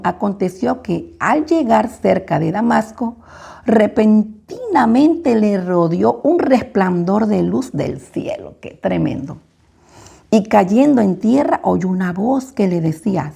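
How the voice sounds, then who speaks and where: A woman's voice: medium pitch, gravelly, mellow, husky. A woman preaching a sermon, telling a story from scripture and urging her listeners on, with strong emphasis that rises and falls sharply on her key phrases.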